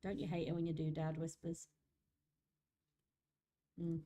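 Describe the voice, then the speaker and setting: Woman streamer, mellow low voice, jokey and chatty, reads lore then riffs with chat. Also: flat delivery, measured pace. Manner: chatty, joking, laughs often, internet slang.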